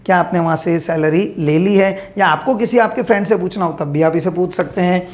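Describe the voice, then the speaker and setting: A woman teaching a grammar lesson, dictating example sentences slowly and asking questions she then answers herself. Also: lowish voice, darkish tone.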